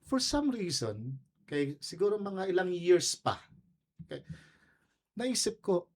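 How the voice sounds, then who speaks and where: A man's voice: high voice, big pitch swings, takes it slowly. Man telling his life story. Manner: storytelling, switching between Tagalog and English. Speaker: interview guest. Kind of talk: conversational radio interview.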